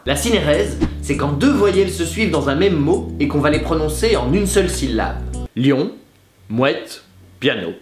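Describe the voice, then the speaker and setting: A man's voice: fairly high pitch, expressive, a little fast, hardly any pauses. A man presenting a lesson, explaining with playful examples and theatrical recitations. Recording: echoey room with music behind.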